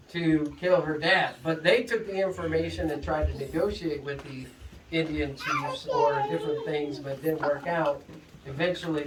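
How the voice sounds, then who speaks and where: Game host doing the big detective whodunit reveal, drawing out suspense, roomy sound w people chattering behind. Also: medium pitch. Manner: explanatory, building suspense before naming the culprit. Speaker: murder mystery game host. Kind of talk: announcing a mystery reveal to a group, like a detective revealing the culprit. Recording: echoey, distant, chattering crowd in room.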